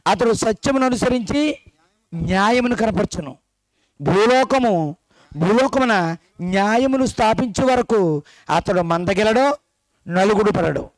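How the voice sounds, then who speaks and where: A man's voice: high-pitched, no room sound. A man preaching a sermon at a gospel meeting, putting questions straight to the congregation and teasing them. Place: church meeting hall.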